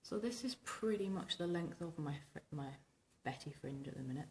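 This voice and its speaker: Still hoarse after tonsillitis, a vintage hairstyling vlogger speaks in an extremely deep, dark, smoky voice with a husky rumble. She's expressive and a little fast as she rambles informally through a tutorial to camera. Her small home bedroom is echoey, with clear background noise.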